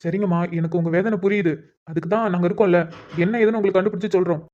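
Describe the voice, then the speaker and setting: Woman voicing a calm male police inspector, lowered voice. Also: rapid-fire, muffled recording, lightly acted. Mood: reassuring. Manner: steady, soothing and authoritative. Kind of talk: cartoon voice acting.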